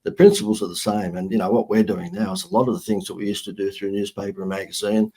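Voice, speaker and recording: A man's voice: lowish voice, little pitch movement, quick pace, warm tone, husky. A middle-aged man with an Australian accent, a marketing guest telling brash, joking stories in a casual interview.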